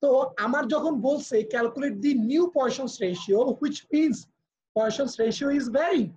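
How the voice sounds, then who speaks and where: A man with a Bangladeshi accent speaks extremely slowly in a very high-pitched, slightly mellow voice while teaching physics in a live online class. He explains patiently step by step, using English for terms, over muffled lo-fi video call audio.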